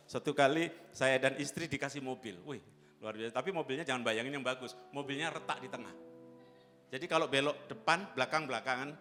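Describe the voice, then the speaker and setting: A man preaching a humorous sermon as a pastor, telling stories and bursting into loud shouted lines. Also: medium pitch. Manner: animated, jumps to loud shouted exclamations. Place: large church hall. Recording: long hall reverb, faint instrument music.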